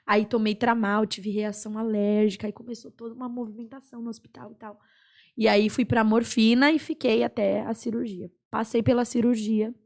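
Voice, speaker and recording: A woman's voice: fairly high pitch, little pitch movement, gravelly, darkish tone. Young brazilian woman telling her story. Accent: Brazilian Portuguese. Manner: earnest storytelling with many pauses and fillers. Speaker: podcast guest. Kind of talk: personal testimony in a podcast chat.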